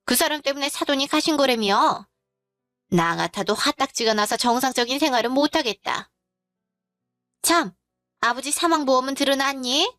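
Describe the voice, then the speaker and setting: A woman's voice: sits high, fairly bright tone, dry recording, clean studio sound. A woman doing a sneering mother-in-law. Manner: sneering, blunt and dismissive. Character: rude scornful middle-aged mother-in-law. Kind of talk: storytelling drama voice acting.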